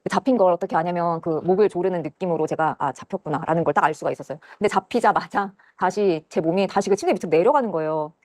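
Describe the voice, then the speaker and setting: Young woman, rushed earnest testimony, dry close sound, middle pitch. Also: darkish tone, no room sound. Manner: earnest, rushed storytelling, acts out quoted voices. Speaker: testimony guest. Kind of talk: personal testimony interview. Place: church studio.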